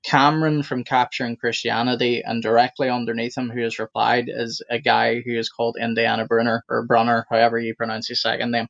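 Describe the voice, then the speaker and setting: A man co-hosting a casual discussion, giving his honest opinion frankly and deliberately over a remote call. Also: medium pitch, flat delivery, vocal fry, a bit bright, no echo. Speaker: podcast co-host. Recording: dry, dull lo-fi call audio.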